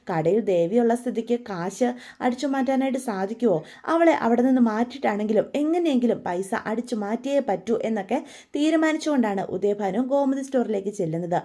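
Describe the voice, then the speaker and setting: A woman's voice: fairly high pitch, lively intonation, a little fast, dark tone. Chatty woman retelling a soap plot. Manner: chatty, with frequent tag fillers. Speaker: storyteller retelling a TV serial. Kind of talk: casual story retelling.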